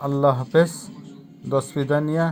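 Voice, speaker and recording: A man teaching a vocabulary lesson, saying each word, giving its meaning, and repeating it slowly for pronunciation. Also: on the high side, little pitch movement, darkish tone. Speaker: language teacher.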